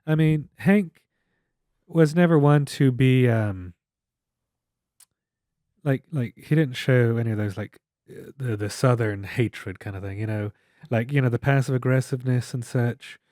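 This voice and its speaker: A man's voice: medium pitch, a little slow, a little mellow, no echo, clean studio sound. A man co-hosting a casual podcast chat in a living room, rambling with many fillers and restarts. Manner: rambling, lots of fillers and restarts, laughs often. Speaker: podcast co-host.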